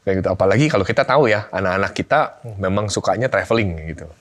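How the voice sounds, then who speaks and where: A man's voice: sits low, fast talker. A middle-aged man, a guest on a family talk show, chatting casually and acting out family conversations as he tells stories. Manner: animated storyteller, acts out family dialogue. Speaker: guest speaker on family life.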